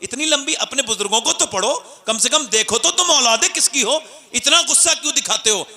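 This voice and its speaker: Man, sermon, intense ringing tone, long hall reverb, storytelling that swells into shouts. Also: extremely high pitch, fairly quick. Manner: builds from calm storytelling to impassioned shouting, prompts the crowd to respond. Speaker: preacher. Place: religious gathering with a live audience.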